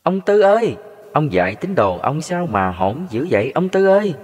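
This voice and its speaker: A man's voice: medium pitch, expressive, moderate pace, natural voice. A man voicing a meek older husband who laments and pleads in a raised voice. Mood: lamenting. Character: meek, long-suffering older husband complaining. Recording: long hall reverb.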